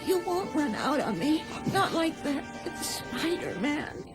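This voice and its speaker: Frail old aunt, slow and quavery-high. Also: female voice, sing-song, full character voice. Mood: weak, anxious. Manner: feeble, halting. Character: frail, ailing, loving elderly aunt. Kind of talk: 1990s radio drama acting. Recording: loud music under the dialogue.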